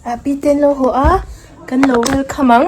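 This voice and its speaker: A young woman with a fairly high voice chats casually to her viewers. She sounds relaxed and talkative, as if explaining her routine from home. A faint hiss of noise sits under her voice. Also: fairly quick. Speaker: vlogger. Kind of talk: casual vlog chat.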